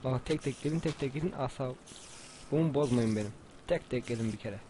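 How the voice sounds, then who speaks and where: Excitable young man, noisy gameplay recording. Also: medium pitch, brisk. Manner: excitable, swears and shouts at enemies. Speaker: gamer. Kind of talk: casual gameplay commentary.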